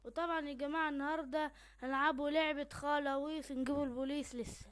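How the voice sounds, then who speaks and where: A woman with an Egyptian Arabic accent hosting her gaming channel, giving excitable let's-play commentary into a desktop microphone and bursting into loud exclamations. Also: high voice, very fast.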